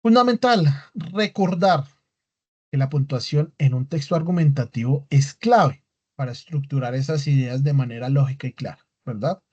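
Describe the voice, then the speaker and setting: In a recorded online writing lecture, a man with a mid-range, darkish voice talks at normal speed. He breaks things down step by step, constantly using tag questions to check in with students. The audio is dull and lo-fi.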